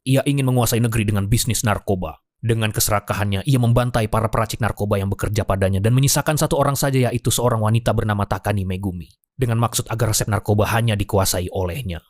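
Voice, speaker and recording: Casting: male story narrator for film recaps, rapid delivery, informal and dramatic, very dry recording. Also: on the low side, fairly even intonation, dry recording.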